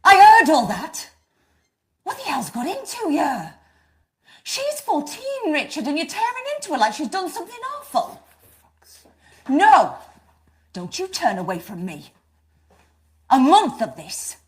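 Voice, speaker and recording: An actress playing an exhausted mother who scolds her husband forcefully. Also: high-pitched, wildly swooping pitch, unhurried, long pauses, full character voice. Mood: angry. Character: exhausted, fierce British mother and wife.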